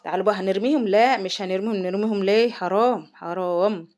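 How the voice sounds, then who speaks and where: A middle-aged woman with an Egyptian accent chats through her home cooking vlog at a breakneck pace. Her voice sits at an ordinary middle pitch, and she keeps exclaiming over the food as she talks. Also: fast talker, a little mellow. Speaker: vlogger, mother. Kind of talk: casual cooking vlog chat. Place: home kitchen.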